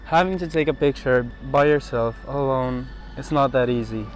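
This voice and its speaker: A Swedish vlogger muses in English with a Swedish accent in a reflective, casual monologue, hesitant and full of restarts and the filler "like." His medium-pitched voice moves at a moderate pace. Recorded on the built-in camera mic after his external mic died, the audio has a little hiss or hum, with clear background music under his talk.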